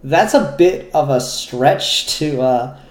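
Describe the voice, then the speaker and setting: He has a mid-range voice with lively intonation but a slow pace. As host of an unscripted comic book review vlog, he talks in a frank, rambling manner with occasional swearing, and the space sounds echoey.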